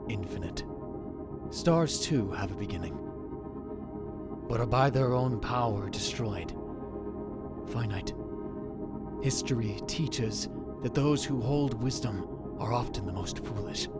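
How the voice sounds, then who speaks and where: In a lowish voice, a man narrates and plays the lead in a fan dub, voicing a dramatic young self-styled mad scientist. He speaks in the first person, hushed, grave, and theatrical, with music in the background.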